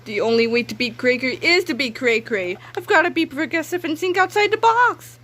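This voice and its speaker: A woman's voice: high-pitched, lively intonation, a little fast, a bit bright, pitched above the performer's own voice. A woman voicing a silly, cheerful male superhero in underpants, exuberant and declaiming, from a comic storybook. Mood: determined.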